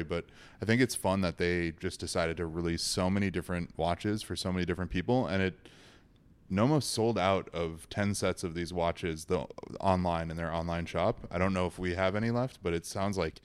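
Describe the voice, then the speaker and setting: A man on a podcast panel spins an anecdote with loose, amused energy. His voice is deep and smooth, with a clean resonance. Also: steady tone, brisk.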